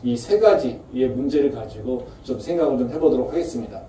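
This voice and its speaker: A man's voice: mid-range voice, animated, a little fast, mellow. A male pastor giving a conversational sermon with rhetorical questions, recorded from a distance in a church. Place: campus church sanctuary. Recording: echoey church room from far off, faint noise.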